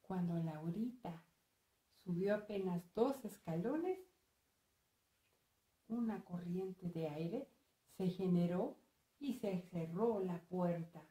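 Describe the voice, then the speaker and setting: A woman telling a children's story, slow and expressive, speaking directly to her young listeners. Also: on the low side. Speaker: storyteller and author. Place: museum hall. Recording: echoey room.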